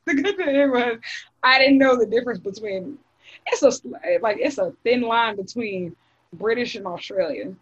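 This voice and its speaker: A woman's voice: a little high, expressive, moderate pace, husky, lo-fi sound. A young woman from the United States in casual group chat on a podcast, talking in long runs with many fillers and restarts.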